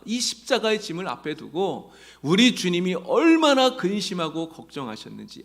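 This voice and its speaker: Gravelly, animated Korean pastor preaching. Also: male voice, a little high. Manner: emphatic preaching, rising loud in quoted prayers; addresses the congregation directly with questions. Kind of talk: sermon.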